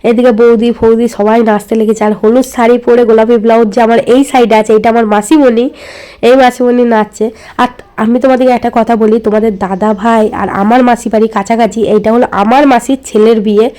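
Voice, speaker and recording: A young woman from India with a hoarse voice from a cold, chatting casually to viewers in a vlog voice-over as she explains what is happening. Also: on the high side, steady tone, fairly quick, mellow. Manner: chatty, explaining family wedding customs to viewers. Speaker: vlogger.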